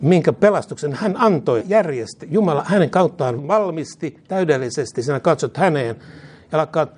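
A man's voice: on the high side, expressive, darkish tone, breathy edge. A male preacher giving an earnest sermon and leading prayer line by line for the congregation to repeat. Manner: earnest, leads prayer phrase by phrase. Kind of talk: sermon with call-and-response prayer.

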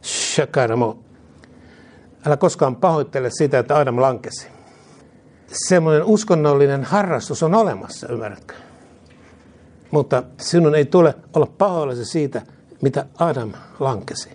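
This male preacher delivers an earnest sermon, leading a call-and-response prayer phrase by phrase for the congregation to repeat. His voice is a little high and husky with a darkish tone, lively intonation, and frequent pauses.

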